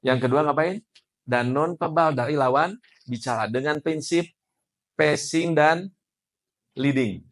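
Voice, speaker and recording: A man, teaching a class as an NLP trainer in a lively style and often putting questions to the room. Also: fairly high pitch, measured pace, long pauses. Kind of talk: classroom lecture.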